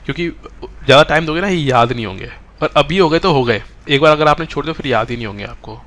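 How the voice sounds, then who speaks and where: A man's voice: on the high side, expressive, fast, a bit bright. A man teaching a live online exam-prep class, mixing English terms into Hindi and often checking that students follow.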